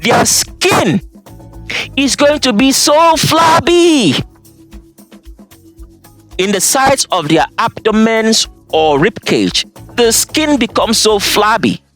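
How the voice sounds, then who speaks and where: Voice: animated, slow, pauses often. African-accented preacher type, pounding the point, voice all over the place, faint music underneath. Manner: emphatic, insistent, swings between loud and low. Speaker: channel host. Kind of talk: preaching monologue over slides.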